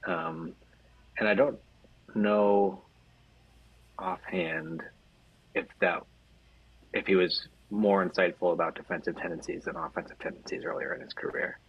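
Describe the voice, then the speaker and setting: Husky low-voiced man, lo-fi mic. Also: fairly even intonation, unhurried, long pauses, no echo. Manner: thoughtful, hedging, soft-spoken. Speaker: podcast co-host. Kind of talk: casual sports chat. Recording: dull lo-fi mic.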